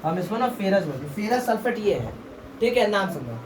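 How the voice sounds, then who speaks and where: A woman's voice: medium pitch, very animated, a little fast. A woman teaches a class, firing questions at the students and repeating each answer back to them. Her voice comes from some distance in a roomy classroom, with faint noise behind it. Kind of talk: classroom lesson. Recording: echoey room from far off, faint background noise.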